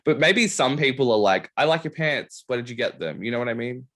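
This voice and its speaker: A young podcast host with a mid-range voice talks a little fast in a casual chat. He tells stories with plenty of energy and a steady stream of "like."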